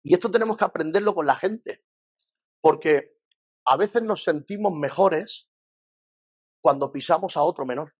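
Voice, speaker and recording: Pastor from Spain, fairly high voice. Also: male voice, normal speed, long pauses, slightly rough. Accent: Spain Spanish. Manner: lively, acts out quoted voices, rhetorical questions. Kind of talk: conversational church lesson.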